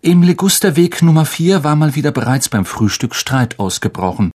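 A man reading a story aloud as an expressive audiobook narrator. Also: a little high, moderate pace. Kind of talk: scripted narration.

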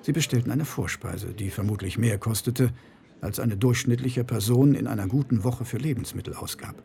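A man narrating an audiobook in an expressive, wry storytelling manner. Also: mid-range voice, moderate pace, creaky. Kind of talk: scripted narration.

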